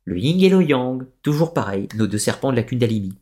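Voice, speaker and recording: A mid-range, slightly mellow male voice with big pitch swings, a little fast. Hosting a live stream, he explains things at length and answers viewers' chat comments, digressing and often hesitating and restarting his sentences.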